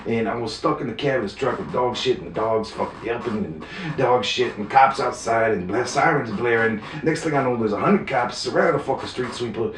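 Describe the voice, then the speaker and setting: A man spins a rambling, profane story, stumbling over restarts as he goes. His voice sits at an ordinary middle pitch. It sounds roomy and picked up from a little away from the microphone. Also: a little fast, a bit bright, far from the mic, slight background noise. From New York City. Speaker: storyteller guest. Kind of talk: casual storytelling.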